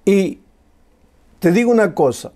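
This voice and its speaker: Impassioned preaching man, fairly high voice. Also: expressive, unhurried, warm tone. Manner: impassioned preaching with rhetorical questions and repetition. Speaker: pastor. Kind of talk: sermon.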